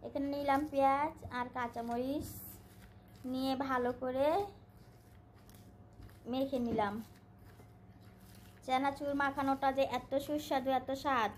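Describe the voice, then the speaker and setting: Chatty high-voiced woman cooking at home. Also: steady tone, measured pace, pauses often, slight background noise. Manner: chatty and homely, coaxing a small child. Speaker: home cooking vlogger and mother. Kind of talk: casual home cooking vlog.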